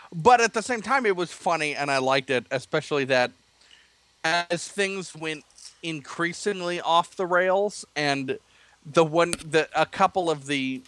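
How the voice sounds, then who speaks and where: A man gives rambling feedback on a writing podcast, hunting for the right words. He speaks slowly with a bright, slightly high voice. The sound is dry and close. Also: no room sound. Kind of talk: casual chat about writing.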